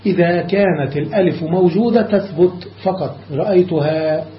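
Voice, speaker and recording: Male teacher, high pitched, patient step-by-step explaining, slows down on examples, faint hiss. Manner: explains step by step, checks students follow. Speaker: teacher of Arabic grammar. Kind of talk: classical grammar lesson. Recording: echoey lo-fi room recording.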